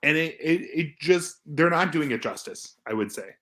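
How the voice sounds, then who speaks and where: A man talking casually as a film reviewer, halting and repeating words as he thinks aloud. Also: fairly high pitch, animated, fairly bright tone.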